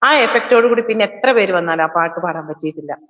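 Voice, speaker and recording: A woman's voice: lowish voice, lively intonation. Chatty woman streamer in an echoey room. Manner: chatty and teasing, quick bursts of speech. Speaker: singer and livestream host. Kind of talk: casual livestream chat, reading viewer comments. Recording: echoey, reverberant room, slightly dull sound.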